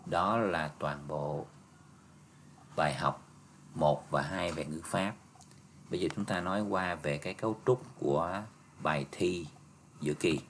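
A male teacher goes through an exam review step by step, patient, ending phrases with soft tags. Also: low voice, slight background noise. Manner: patient, explains step by step, ends phrases with "ha" and "nha".

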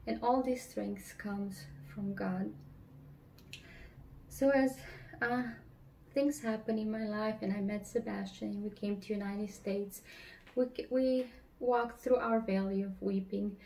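A woman in her thirties from Romania, telling her personal faith story in an earnest, slightly halting way, seated at a table at home. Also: mid-range voice, fairly even intonation, gravelly, mellow, slight background noise, rough recording. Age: 30s. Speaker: church member giving testimony. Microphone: camera across the table.

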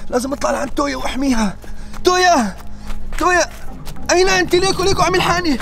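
A man's voice: very high voice, very fast, creaky, over music. A man with a Levantine Arabic accent hosting an adventure vlog, calling out urgently and muttering prayers. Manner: frantic, urgent calling out and praying under his breath. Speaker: adventure vlogger. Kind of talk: staged adventure vlog narration.

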